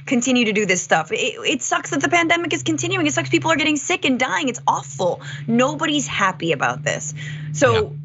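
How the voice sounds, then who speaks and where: A woman's voice: a little high, fairly bright tone, breathy edge. Emphatic American woman giving opinion commentary. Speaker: guest commentator. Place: small home room. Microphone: desk microphone on video call. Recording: slightly dull video call.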